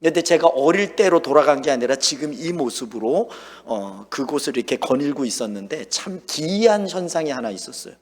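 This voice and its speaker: Man, pastor, sermon, lively pitch, husky, echoing sanctuary. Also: a little fast, few pauses. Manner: storytelling, acting out his own lines and shouts. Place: church sanctuary. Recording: long hall reverb.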